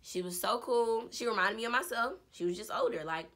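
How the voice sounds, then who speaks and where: Bright-voiced young woman telling a story. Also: fairly high pitch, brisk. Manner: animated, casual storytelling. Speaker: vlogger. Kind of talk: story time vlog.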